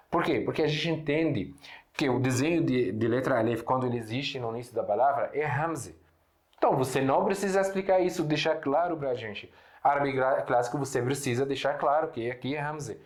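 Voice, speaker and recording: In an echoey room, a young man from Syria whose first language is Arabic gives an online lesson in Portuguese, his medium-pitched voice carrying an Arabic accent. Patient in his explanations, he frequently corrects himself and asks himself rhetorical questions.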